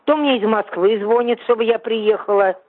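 Woman in her 70s, husky voice, indignant and argumentative, tinny phone line. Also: on the high side, normal speed. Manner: indignant, argumentative, swears when annoyed. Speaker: prank call target. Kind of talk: phone conversation.

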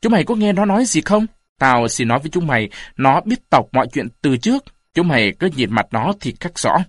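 A man's voice: a little high, very animated, fairly quick, dry recording. A man voicing a furious mutinous male pirate who rants and jeers at his rivals. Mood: jeering, furious. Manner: ranting, jeering.

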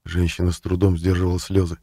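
A man narrating a novel in a steady, measured reading voice. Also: low-pitched, no room sound, clean studio sound. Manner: steady, measured reading, rises to loud acted shouts. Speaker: audiobook narrator. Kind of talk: scripted narration.

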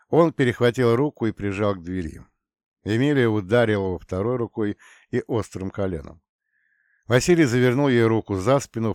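Low-voiced male audiobook narrator. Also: a little mellow, no room sound, studio quality.

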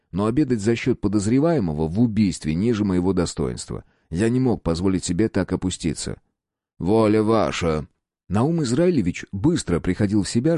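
Low-voiced man narrating an audiobook. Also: warm tone, no room sound, clean studio sound. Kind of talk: first-person audiobook narration.

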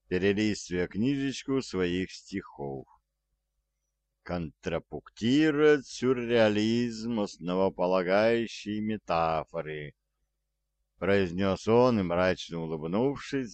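Slow low-voiced male narrator. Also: a little mellow, no room sound. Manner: slow, measured reading. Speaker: audiobook narrator. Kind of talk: scripted audiobook narration.

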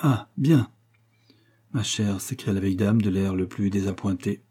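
A man reading an audiobook voices a kindly old spinster aunt in a low, soft, gentle tone. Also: measured pace, slightly rough.

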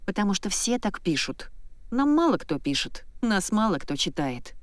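A woman's voice: medium pitch, sing-song, moderate pace, no room sound, natural voice. A woman voicing an earnest young female office worker who explains the rules seriously, in a dry, close audiobook reading. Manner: serious, instructive.

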